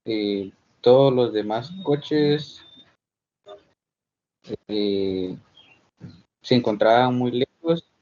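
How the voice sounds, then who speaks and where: A male student slowly and hesitantly reading his answer in an online class. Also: medium pitch, dark tone. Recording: dull lo-fi call audio.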